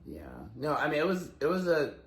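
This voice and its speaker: Easygoing male co-host, lower voice, recaps scenes; roomy sound with light background hiss. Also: a little fast. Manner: even, agreeable, recapping. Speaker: podcast co-host. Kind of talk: casual gossip chat.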